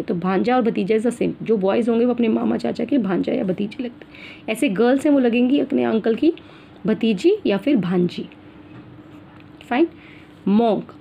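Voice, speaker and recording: In a mellow, slightly high voice with vocal fry, an Indian teacher runs an English grammar class for children. She switches between Hindi and English, calls the kids "beta", and keeps repeating and checking with "theek hai na"; a faint hiss or hum sits under the audio.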